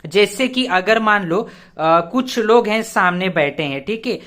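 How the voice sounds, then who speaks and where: A man's voice: high voice, lively intonation, a little slow, a bit bright. Sex: man. Role: grammar teacher. Style: casual explanatory lesson. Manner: keeps checking in with the viewer and asks himself rhetorical questions; spells English words out letter by letter. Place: teaching at a board he writes on.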